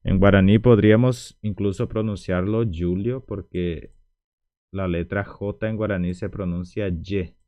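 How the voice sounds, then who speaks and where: A man's voice: low-pitched, steady tone, measured pace, dry recording, dull audio. A man teaching a language lesson at a whiteboard, speaking patiently and repeating words for practice.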